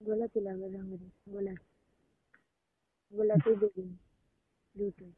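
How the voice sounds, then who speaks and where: A woman's voice: mid-range voice, flat delivery, measured pace, husky, no echo. Woman on a tinny phone line. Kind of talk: casual private phone chat. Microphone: telephone. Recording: tinny phone call recording.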